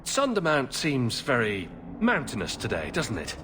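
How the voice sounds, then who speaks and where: A sarcastic adventurer. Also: male voice, medium pitch, wildly swooping pitch, moderate pace, sharp tone, a little hiss or hum. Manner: dry sarcasm. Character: sarcastic, joking adult male adventurer. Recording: game audio over music.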